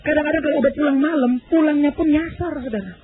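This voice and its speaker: A male pastor preaching in a lively storytelling way, acting out voices and calling out to the congregation. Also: very high-pitched, fast talker, phone-quality sound, slight background noise. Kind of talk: sermon storytelling.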